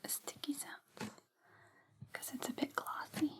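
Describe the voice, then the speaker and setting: A woman hosting ASMR in a breathy, unvoiced whisper, speaking gently in slow, deliberate phrases. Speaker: ASMR host.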